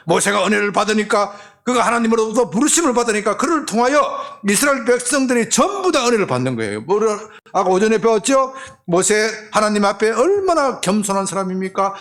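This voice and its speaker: Gyeongsang pastor in his sixties, high and very expressive, folksy retreat preacher who keeps nudging the room. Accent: Gyeongsang Korean. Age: 60s. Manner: animated, keeps prompting listeners with quick questions; acts out everyday dialogue in a folksy way. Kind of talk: lively retreat sermon.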